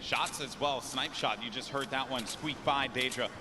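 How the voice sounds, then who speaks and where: A man commentating live on a competitive online game, mixing chatty analysis with excited calls. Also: medium pitch, moderate pace, heavy background noise. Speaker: esports caster.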